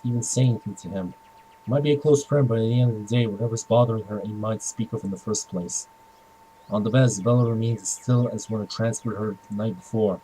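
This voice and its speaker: A man narrating in first person as a tired young man, quiet, reflective and measured. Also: on the low side, a little hiss or hum, natural voice, low-quality recording.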